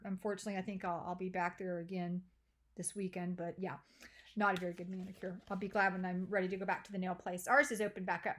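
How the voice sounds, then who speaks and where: A woman's voice: mid-range voice, fairly bright tone. A woman casually introducing a knitting lesson, chatty and self-deprecating, with many fillers. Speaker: knitting teacher.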